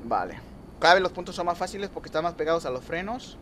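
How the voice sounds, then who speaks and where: A young man giving lively gameplay commentary, talking to viewers and teasing rivals. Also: a little high, fast talker, slight background noise. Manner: excitable, talks to viewers and rivals, trash-talks. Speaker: gaming youtuber.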